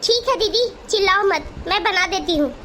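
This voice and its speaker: Woman voicing a meek young daughter-in-law, pleading, tearful, very high thin voice, cartoon. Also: lively intonation, moderate pace, sharp tone, a little hiss or hum, full character voice. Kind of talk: Hindi cartoon voice acting.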